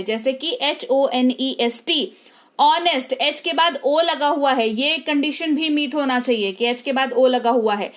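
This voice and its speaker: A woman teacher giving an online English spelling lesson, patiently explaining rules and repeating key words. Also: sits high.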